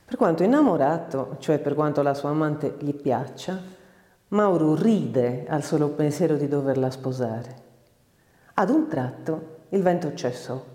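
A woman giving a measured, expressive literary reading of a short story, recorded with a roomy echo. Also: low-pitched. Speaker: audiobook narrator. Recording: roomy reverberant room.

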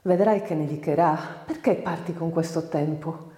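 A woman's voice: low voice, normal speed, mellow, lightly acted. A woman reading the lines of an ardent, plaintive young servant girl in a storybook reading with a roomy echo. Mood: pleading. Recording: roomy reverberant room.

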